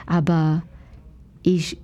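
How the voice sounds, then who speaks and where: This woman's voice is low-pitched and warm, with little pitch movement and drawn-out words. A Malaysian dancer and dance teacher, she answers an interviewer conversationally in a Malaysian accent, reaching for words in a language learned later, her native tongues being English, Mandarin and Malay.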